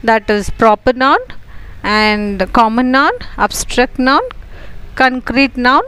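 A woman teaches an English lesson for exam students, explaining haltingly and listing items one by one. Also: on the high side, fairly even intonation, pushed and bright, smooth, poor audio.

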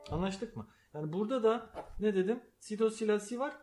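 A man giving a slow, patient piano lesson, calling out note names as he plays. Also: high voice, animated, mellow. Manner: calls out note names while playing, explains patiently. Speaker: piano teacher. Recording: piano music under the voice. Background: piano playing.

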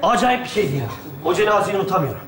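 Brash bossy future self, high voice, fast talk, echoey room. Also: male voice, very noisy. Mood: boastful. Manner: rough and bossy, fast and excitable. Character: man from twenty years in the future, brash older self. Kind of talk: sketch comedy acting.

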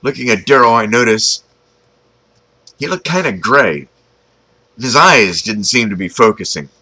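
A man's voice: medium pitch, lively intonation, unhurried, bright, forceful tone, husky, rough recording. A man reading his own story aloud, chatty and informal, breaking off for asides and jokes to the listener. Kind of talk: storytelling narration.

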